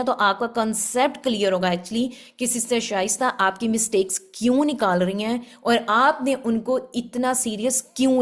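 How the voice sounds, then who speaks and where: Woman w/ teaching tajweed, higher voice, patient, keeps asking "right?". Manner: explains patiently, often checks with "right?". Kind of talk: religious lesson.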